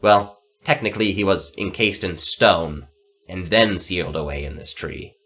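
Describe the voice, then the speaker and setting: A man's voice: deep voice, moderate pace, a bit bright, voice pushed down. A man with a stuffed-up nose voicing a rickety old male necromancer who talks in a snarky, dismissive way.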